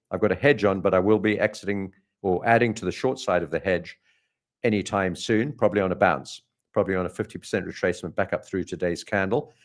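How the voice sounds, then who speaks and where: Low-voiced South African trader, thinking aloud. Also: male voice. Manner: thinks aloud, many ums and uhs, self-correcting. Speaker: trader hosting a live market stream. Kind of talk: live trading commentary over charts.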